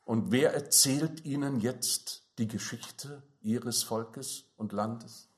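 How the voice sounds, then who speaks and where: A man preaching a sermon, slow and emphatic, his fervor rising on key phrases. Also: mid-range voice.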